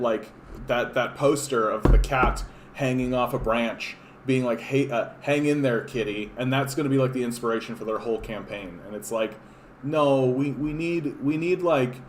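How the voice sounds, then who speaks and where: A Canadian man hosts a casual political livestream from a home room, reading chat comments with sarcasm. His mid-range voice moves at a moderate pace, rambling with many fillers and restarts. The echoey room adds slight background noise.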